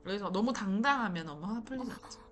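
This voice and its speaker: A woman's voice: mid-range voice, animated, fast, soft background music. Chatty woman narrating a cleaning game. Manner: chatty, muttering to herself as she plays. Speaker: gameplay streamer. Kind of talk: casual gameplay commentary.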